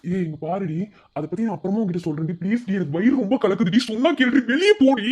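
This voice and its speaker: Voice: medium pitch, animated, fast talker, a little mellow, highs cut off, slight background noise, lightly acted. A voice actor playing a young man in a cartoon, whining and pleading because his stomach is upset. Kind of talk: cartoon voice acting.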